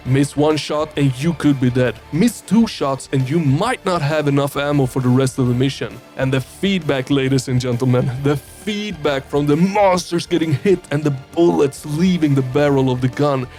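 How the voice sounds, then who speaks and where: A man's voice: a little high, normal speed, hardly any pauses, darkish tone, soft background music. A man giving a casual scripted video game review in a colloquial, emphatic, playful way.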